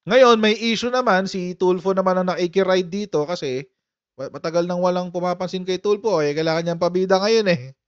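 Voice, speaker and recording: A man's voice: high-pitched, a little fast, clean tone, no room sound. A man hosting a casual live-stream political commentary, chatty and laughing often as he talks to his viewers. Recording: dull, muffled lo-fi sound.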